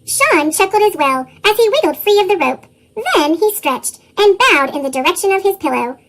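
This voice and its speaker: A storybook narrator whose voice is run through a sped-up chipmunk effect, reading a tale aloud with lively chuckles in the dialogue. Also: moderate pace. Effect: sped-up, pitched-up chipmunk voice.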